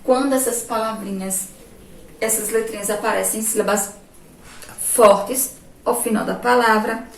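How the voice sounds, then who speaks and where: A woman's voice: medium pitch, steady tone, creaky. A Brazilian woman teaching a remote lesson to young children, speaking patiently and asking them frequent questions, recorded from a distance with a faint background ambience. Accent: Brazilian Portuguese. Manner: slow, patient, asks questions often. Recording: roomy echo, distant mic, faint noise.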